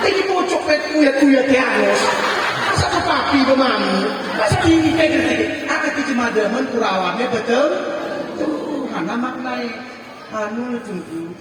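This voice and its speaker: A man's voice: extremely high pitch, very noisy. A male preacher with a Gayo accent, telling a religious story with jokes, laughing and teasing the crowd at a gathering in a large hall. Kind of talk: comic storytelling sermon. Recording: echoey hall, distant mic.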